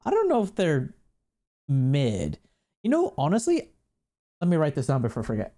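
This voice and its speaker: Rambly streamer chatting to chat, swears a lot, bouncy pitch, mellow dark tone. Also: wildly swooping pitch, normal speed. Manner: rambling, giggly, swears freely; chats with viewers while reacting on screen. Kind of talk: casual livestream chat.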